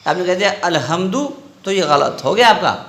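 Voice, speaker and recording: A man teaching Quran recitation, asking question after question and drawing out each letter sound. His voice sits high for a man. The room gives it a clear echo. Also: bright, forceful tone. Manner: drills students with repeated questions, draws out letter sounds. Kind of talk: call-and-response tajweed lesson.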